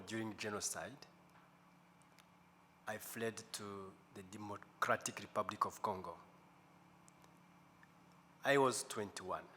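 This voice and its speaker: A man in his fifties giving a deliberate, slow testimony talk as guest speaker at a church service, pausing often. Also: fairly low pitch, pushed and bright. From Rwanda. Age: 50s. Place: large church sanctuary. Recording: echoey church hall, faint room noise.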